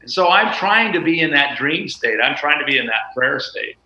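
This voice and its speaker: A man's voice: on the high side, animated, moderate pace, a crowd in the background. A man guesting in an interview, reflective and storytelling, often saying "you know". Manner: reflective, storytelling, with frequent filler phrases. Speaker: guest, guitarist and teacher. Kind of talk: casual interview chat. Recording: roomy, dull lo-fi sound.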